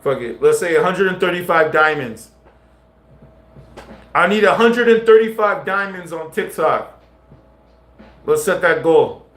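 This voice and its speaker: A man's voice: a little high, expressive, measured pace, long pauses, a bit bright. A man live-streaming casual commentary, talking in slang straight to his viewers. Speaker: livestreamer. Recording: roomy echo with faint music.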